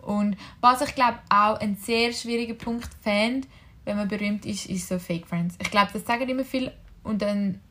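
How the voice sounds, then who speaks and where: A woman's voice: medium pitch, moderate pace, a bit bright. A young woman with a Swiss German accent in casual chat as a podcast co-host, thinking aloud with many filler words.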